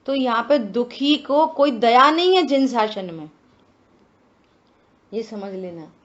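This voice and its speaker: A woman giving a religious scripture discourse, slow and deliberate, asking many rhetorical questions. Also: a little high, expressive, dull audio. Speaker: scripture teacher.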